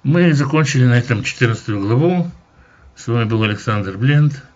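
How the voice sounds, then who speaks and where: A Bible teacher works through a chapter verse by verse, explaining each passage in a measured, expressive, slightly mellow manner and hesitating now and then. His voice is ordinary in pitch with a husky edge, and the recording sounds dull and lo-fi.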